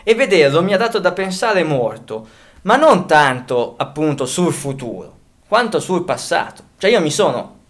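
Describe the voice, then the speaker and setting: A man's voice: a little high, big pitch swings, moderate pace, fairly bright tone. A man co-hosting a casual podcast, talking, rambling, often restarting and correcting himself as he thinks aloud. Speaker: podcast co-host.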